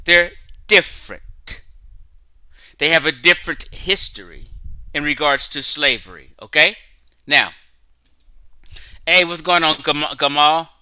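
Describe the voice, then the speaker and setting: A man's voice: fairly high pitch, lively intonation, measured pace, long pauses, sharp tone, clean tone, dry recording, rough recording. A man hosting a casual livestream, lecturing emphatically and checking in with his audience, often reading text aloud from his screen. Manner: emphatic, lecturing, frequent "okay?" and "right?". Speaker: online talk show host.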